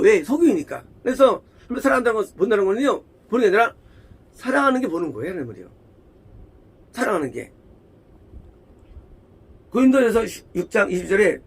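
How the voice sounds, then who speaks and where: A man's voice: high-pitched, breathy edge. A man preaching a sermon as pastor, emphatic, repeating phrases and firing rhetorical questions at the congregation.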